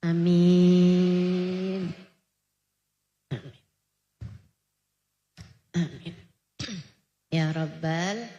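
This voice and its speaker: Slow, bright-voiced woman preacher. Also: fairly high pitch, dull audio. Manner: emphatic, addresses listeners directly. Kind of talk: sermon. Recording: reverberant hall.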